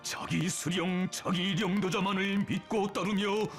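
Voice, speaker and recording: High-pitched North Korean man, solemn documentary narrator. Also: steady tone, a little slow, fairly bright tone, soft background music. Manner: solemn, reverent, emotive declamation. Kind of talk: scripted propaganda documentary narration.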